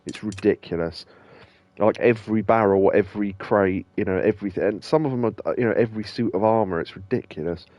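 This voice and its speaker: A man's voice: on the low side, fast talker, darkish tone, dry recording. Rambling man on a game stream. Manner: rambling, loose, with many ums and restarts. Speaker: gaming streamer and host. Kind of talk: casual let's-play commentary.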